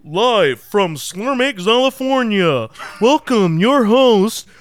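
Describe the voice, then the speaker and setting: A man's voice: animated, smooth. A man doing an ethereal, distant announcer voice. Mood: grand. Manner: drawn-out, booming, otherworldly announcing. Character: ethereal disembodied announcer voice of a game show.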